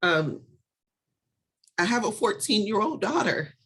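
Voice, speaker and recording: A woman giving a candid personal testimony as a guest, talking plainly and pausing often with fillers. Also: deep voice. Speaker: guest sharing a survivor story.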